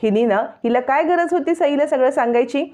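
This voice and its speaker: A woman's voice: sits high, fairly quick, a little mellow, voice pushed up, natural voice. A woman voicing a jealous older mother-in-law who scolds and accuses her daughter-in-law, reading her lines in a recap. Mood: angry.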